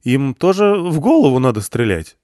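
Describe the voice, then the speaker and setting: A man's voice: medium pitch, animated, fairly quick, a little mellow, dry recording, studio quality, pitched above the performer's own voice, natural voice. A man voicing a simple-hearted young man who talks in a blunt, stubborn way.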